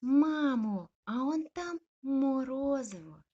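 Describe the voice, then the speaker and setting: A woman puts on a high, bouncy little corgi puppy for a storybook, his voice jumping all over and slightly breathy. He sounds eager and keeps calling out. The recording is slightly dull and lo-fi. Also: big pitch swings, moderate pace, darkish tone. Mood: excited.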